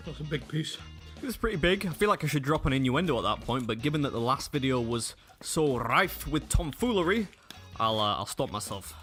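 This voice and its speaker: English guy vlogging a food challenge, chatty and wry, voice bounces around a lot, some music low behind. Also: sharp tone. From England. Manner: chatty and self-mocking, with wry asides. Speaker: competitive eating video host. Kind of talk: casual vlog narration.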